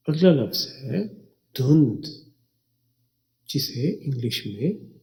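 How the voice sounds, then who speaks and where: A man gives an English vocabulary lesson at a very unhurried pace. His voice is dark and mellow, and he spells each word letter by letter, then repeats it. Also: mid-range voice. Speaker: English teacher. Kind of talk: slow spelling and pronunciation lesson.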